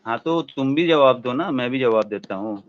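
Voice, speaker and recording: A man's voice: mid-range voice, lively intonation, normal speed, dry recording, highs cut off. A man calling into a heated live debate, argumentative and pressing his questions. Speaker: debate caller.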